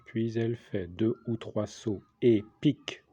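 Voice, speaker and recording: A man dictating a text as a teacher, deliberately, in short repeated phrases with the punctuation spoken aloud. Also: fairly low pitch, steady tone, warm tone, breathy edge. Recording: dull lo-fi sound.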